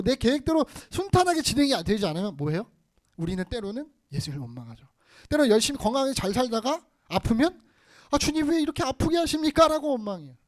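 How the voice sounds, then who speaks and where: A woman giving a sermon to children over a video call, often asking her listeners questions. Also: on the high side. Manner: asks the listeners many questions. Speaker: preacher to children.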